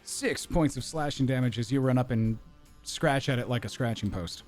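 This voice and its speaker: A man's voice: medium pitch, normal speed, a little mellow, soft background music. A man narrating as game master in a tabletop role-playing game, describing combat in a casual, joking way.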